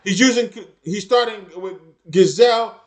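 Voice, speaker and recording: A man's voice: sits high, moderate pace, reverberant. A man hosting a live boxing watch party, commentating emphatically and repeating his phrases over and over.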